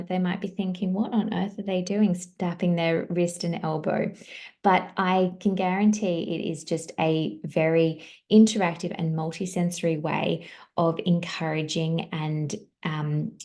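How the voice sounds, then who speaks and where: A former teacher giving a parenting webinar, encouraging and demonstrating words slowly, syllable by syllable. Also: female voice, on the low side, darkish tone.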